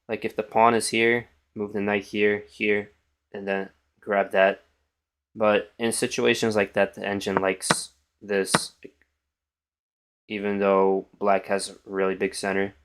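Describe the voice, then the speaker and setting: A young man streams a chess game on little sleep, still in his morning voice. He sits a little low in pitch and drifts between quiet mumbling and casual chatter to his viewers. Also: fairly even intonation, unhurried. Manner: mumbling, thinking aloud, trailing off. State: tired, morning voice. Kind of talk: casual live-stream commentary.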